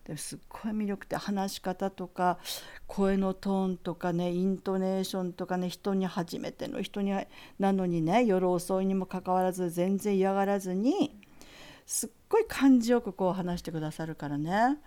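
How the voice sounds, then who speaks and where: Animated Japanese-speaking woman from Akita. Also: normal speed, smooth. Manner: animated, acts out quoted voices with big pitch jumps. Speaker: green coordinator. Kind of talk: storytelling anecdote.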